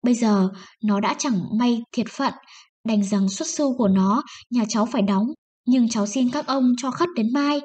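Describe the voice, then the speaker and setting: A woman's voice: a little high, normal speed, a little mellow, natural voice. Woman voicing a sobbing peasant wife. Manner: pleading, sobbing. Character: poor peasant wife, desperate and tearful.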